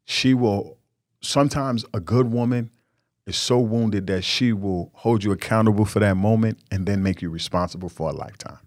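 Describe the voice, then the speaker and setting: Earnest low-voiced man giving marriage advice. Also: normal speed, darkish tone, no room sound, studio quality. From New York. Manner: earnest, preachy and candid, with repeated emphatic words. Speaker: podcast host.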